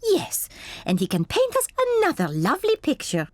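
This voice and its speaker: A woman voicing a kindly gazelle playgroup teacher in a children's cartoon, gentle and encouraging. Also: very high-pitched, huge pitch swings, normal speed, no room sound, exaggerated voice. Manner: gentle and encouraging, sing-song. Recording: studio voice with background music.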